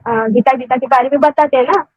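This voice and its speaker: Husky high-voiced woman over a phone line. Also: fairly quick, no room sound. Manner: rambling, many hesitations. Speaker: caller. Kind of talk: casual phone-in storytelling.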